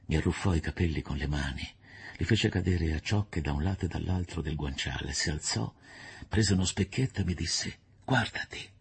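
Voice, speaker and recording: A man narrating a classic novel in the first person, measured and somber, with a husky, gravelly voice. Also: a bass voice. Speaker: audiobook narrator. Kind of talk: literary audiobook narration.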